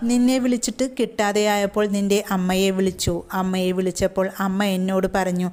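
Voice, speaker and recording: A wounded but composed young mother speaks with quiet, measured reproach, as a woman narrator gives her lines. The voice is smooth and clear, read as a storybook part in an ordinary middle register. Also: medium pitch, level tone, close to an everyday voice. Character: hurt, dignified young mother, calm and firm.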